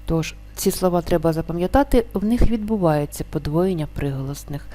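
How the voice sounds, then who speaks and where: Woman, lower pitch, mellow tone, teacher, slow careful explanation of spelling rules. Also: faint music behind. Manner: explains rules slowly, stretching example words. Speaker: language teacher. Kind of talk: spelling lesson.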